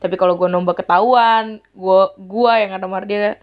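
A young woman tells a story from her school days at a middle pitch, in casual slang with an exasperated, lively edge. The recording sounds dull and lo-fi. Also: normal speed. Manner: slangy, exasperated, animated retelling. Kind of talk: personal storytelling monologue.

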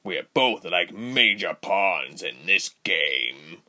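A man's voice: low voice, sing-song, sharp tone, heavily acted. A man playing a smug, scheming male villain commander who smirks and threatens. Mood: menacing. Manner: slow, smirking, menacing.

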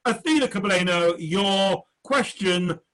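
A man's voice: high-pitched, lively intonation, a little slow, a bit bright, slight background noise, poor audio. A man hosting a comedy quiz over a video call, jokey and hesitant with many fillers. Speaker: quiz host. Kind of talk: online comedy panel show hosting.

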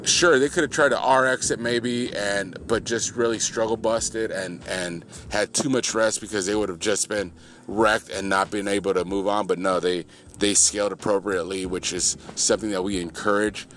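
A man's voice: normal speed, a little hiss or hum. A man coaching at a gym, recapping the day's workout for his podcast in a casual, joking way, full of fillers and playful hype. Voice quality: low monotone voice, by his own joke.

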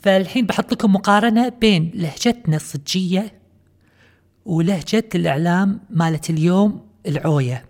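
A woman's voice: on the low side, a little fast, a little mellow. A woman with a Kuwaiti accent hosting a comedy podcast in a sarcastic, mocking tone. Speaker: podcast host.

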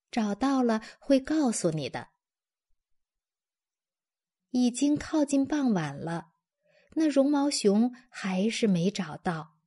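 Woman narrator, children's story, gentle, very slow, mellow and breathy. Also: medium pitch. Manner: gentle, slow reading aloud.

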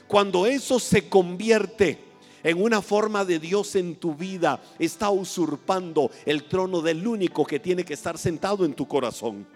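Male pastor, high voice, sermon storytelling, reverberant hall, soft music underneath. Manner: dramatic pauses, asks the congregation questions.

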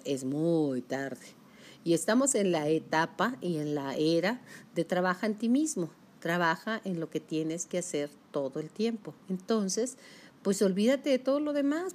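A woman's voice: mid-range voice, a little mellow. A woman giving a self-help talk, speaking emphatically and straight to the listener. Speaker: motivational speaker.

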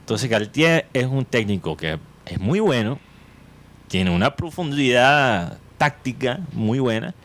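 A man co-hosting a podcast, chatting about football in an animated, opinionated way and throwing out rhetorical questions. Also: mid-range voice, measured pace. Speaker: podcast co-host. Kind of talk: casual football chat.

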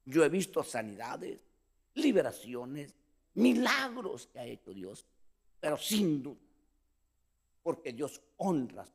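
A man's voice: takes it slowly, vocal fry, pauses often, breathy edge. A man preaching a sermon as pastor, calling listeners brother and acting out the scripture scene. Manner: preaching with lively pitch swings, addressing listeners as brother.

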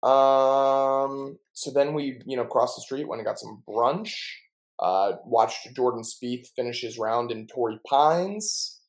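A man's voice: mid-range voice, slow pace, low-quality recording. Chatty young man telling jokey stories. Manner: chatty, jokey storytelling with playful word mangling. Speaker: podcast co-host. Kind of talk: casual chat.

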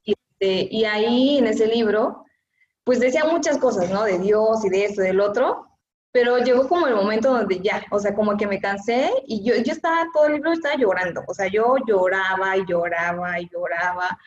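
As an interview guest, a woman with a Mexican accent gives an earnest, emotional personal testimony, using many fillers. Her voice is medium-pitched and moderately paced, and the room sounds echoey, dull and lo-fi.

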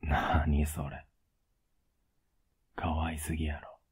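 A man playing a teasing, affectionate young boyfriend in a soft ASMR role-play, with a low, husky voice. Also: level tone, takes it slowly, heavily acted. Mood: tender, affectionate. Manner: laid-back, gently teasing, intimate.

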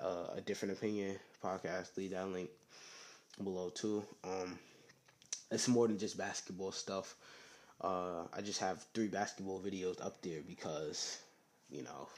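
A young man hosting a casual solo podcast, talking low in a rambling, slangy way with lots of "you know what I'm saying.". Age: young adult. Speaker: podcast host.

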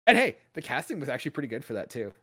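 A man co-hosting a podcast over a remote call, chatting casually in a rambling, animated way with many fillers. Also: medium pitch, racing, husky. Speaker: podcast co-host. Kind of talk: casual chat.

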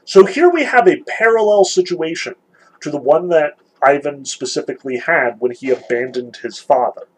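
A man's voice: fairly high pitch, lively intonation, moderate pace, slight background noise, poor audio. A man giving an informal literature lecture, talking loosely with many "like"s and "sort of"s and reading passages aloud from a novel. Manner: loose and conversational, full of "like" and "sort of".

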